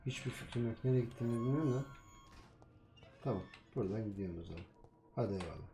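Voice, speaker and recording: A man commenting casually on his own gameplay, muttering to himself and now and then turning loudly indignant at enemies. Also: medium pitch, fast talker, slight background noise. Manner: talks to himself and swears at enemies, swings from mumbling to loud indignant outbursts. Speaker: gamer playing a vampire game. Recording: echoey room with keyboard clicks. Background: keyboard typing and clicks.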